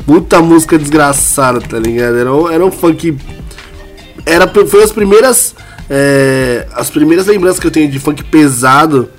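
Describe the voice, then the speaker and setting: A man's voice: fairly high pitch, lively intonation, moderate pace, faint music behind. A man with a Brazilian Portuguese accent in a casual chat, talking informally with slang and some swearing.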